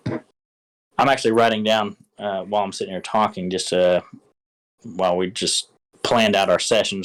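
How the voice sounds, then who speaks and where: A low-pitched man offers casual game-master advice on running a tabletop game, sounding enthusiastic as he rambles with frequent fillers and false starts. The recording quality is low.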